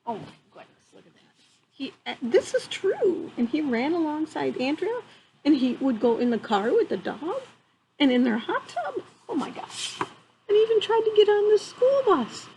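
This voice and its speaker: Outdoors among trees, a woman in her fifties reads to children from a wooden deck, her voice sitting high and her pace moderate. Her delivery is animated and amused, full of exclamations and playful asides, though the rough recording carries faint ambient outdoor sound.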